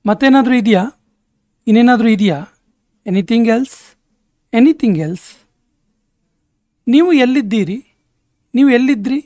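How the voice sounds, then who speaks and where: A man teaching spoken English, saying each short sentence twice in a slow, deliberate way. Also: very high-pitched, darkish tone, no echo, clean studio sound. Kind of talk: spoken language lesson.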